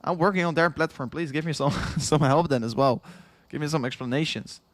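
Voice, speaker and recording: A young man from the Netherlands, slightly high-voiced and brisk with a Dutch accent, hosts a casual livestream in a dry, close recording with no room sound. Hours of streaming have tired him out. He rambles repetitively, often chuckles and reads chat messages aloud.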